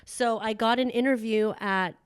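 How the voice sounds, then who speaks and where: A woman, a culinary producer, guesting on a casual podcast chat, relaxed and chatty with easy laughter. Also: on the high side, normal speed, a little hiss or hum.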